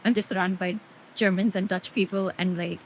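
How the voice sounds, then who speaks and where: A woman's voice: mid-range voice, steady tone, fairly quick, slight background noise, poor audio. A woman talks casually and frankly in a documentary interview, dropping fillers as she goes. Faint background ambience sits under her voice. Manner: casual, candid, filler words.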